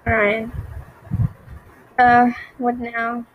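A woman's voice: fairly high pitch, completely flat delivery, very slow, narrow, tinny audio. A young woman giving nervous game commentary, repeating herself and reacting to jump scares. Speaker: gaming YouTuber.

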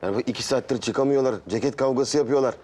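An actor playing a brisk bystander in a comedy series who scolds two quarreling men and calls for a ruling. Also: male voice, medium pitch, darkish tone, lightly acted. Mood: appealing. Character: bystander man breaking up a quarrel. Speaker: sitcom character.

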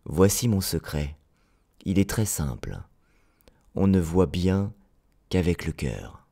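A man voicing a wise, calm male fox in an audiobook, speaking in a measured way. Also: low voice, vocal fry, exaggerated voice.

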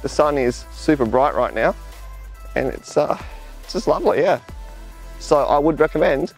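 A young Australian travel vlogger chats casually at a sunny seaside lookout by a jetty and beach, gesturing as he walks and leaning heavily on filler words. His voice is on the high side at a normal speed, picked up by a tripod camera a few metres away, with soft background music and poor audio.

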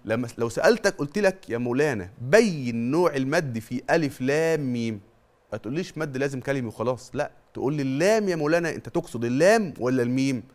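A man's voice: mid-range voice, lively intonation, quick pace, a little mellow. A middle-aged man with an Egyptian accent teaching a televised Quran tajweed lesson. He drills terms by question and answer and stretches out long vowels to demonstrate them. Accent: Egyptian Arabic.

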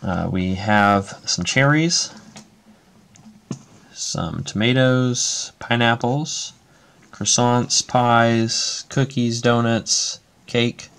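A man's voice: mid-range voice, drawn-out words, creaky, a bit bright, clear, resonant tone. A man, a parent, casually showing his toy-brick model off camera, listing items with many fillers. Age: adult parent. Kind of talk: casual show-and-tell. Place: indoors at a table.

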